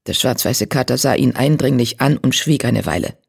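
An audiobook narrator reading a story in an even, measured way. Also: mid-range voice, gravelly, husky.

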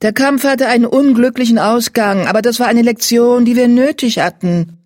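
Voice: medium pitch, steady tone, moderate pace, a little mellow, no room sound, studio quality, voice pushed up, natural voice. A reader doing Blaustern, commanding she-cat leader. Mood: authoritative.

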